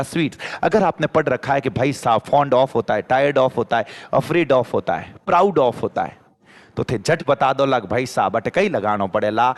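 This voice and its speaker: A man with a Rajasthani accent teaching an exam-prep grammar lesson, reading example sentences slowly and repeating catchphrases. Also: medium pitch.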